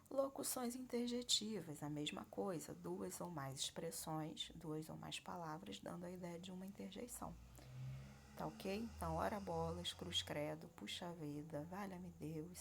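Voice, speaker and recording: A woman teacher with a lowish, gravelly voice walks through a grammar lesson. She explains patiently and keeps checking that her students are following. A faint hiss of noise sits behind her. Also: unhurried. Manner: explanatory, frequent check-ins.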